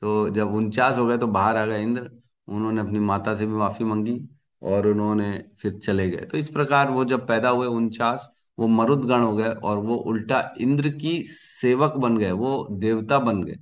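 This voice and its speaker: A man's voice: fairly low pitch, a little slow. Man teaching a scripture class. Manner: explains with questions and asides to the class; chants verses for the class to repeat.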